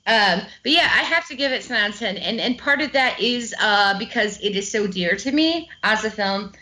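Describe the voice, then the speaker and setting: A woman's voice: medium pitch, animated, moderate pace, sharp tone. Chatty woman hosting a film podcast. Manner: chatty, swears freely, laughs often. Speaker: podcast host. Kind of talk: casual film discussion.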